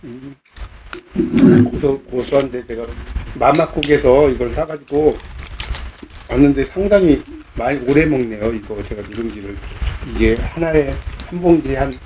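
A man's voice: mid-range voice, moderate pace, noisy background. A man talking while eating in a small office, chatting casually and murmuring about the food. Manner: relaxed, chatty food commentary with soft murmurs. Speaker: co-host of a home mukbang vlog.

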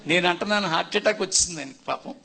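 A man preaches his testimony with fervor, calling out to his listeners as beloved and dropping English words into his speech. His voice sits high and carries a gravelly, husky texture. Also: racing, pushed and bright. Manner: fervent, addresses listeners as beloved. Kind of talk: testimony sermon.

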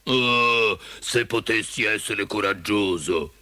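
A man doing a cowardly lion, low voice, plaintive, music behind. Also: steady tone, a little slow, close to an everyday voice. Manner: plaintive, sighing. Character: big timid cowardly lion, self-pitying. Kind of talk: storybook character voice.

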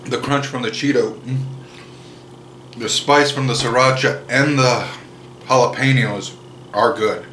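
Steady and mid-range, his voice comes across pushed and bright against slight background noise. He's a man in his thirties filming a laid-back home cooking video indoors, joking at an unhurried pace and chewing between remarks while he cooks and tastes in his kitchen and dining room.

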